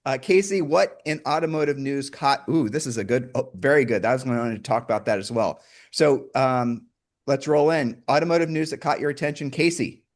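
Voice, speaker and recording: A man's voice: mid-range voice, fairly quick. A man hosting a casual car talk show, joking and steering the segments. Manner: jokey, runs the segments. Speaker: podcast host. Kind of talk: casual chat.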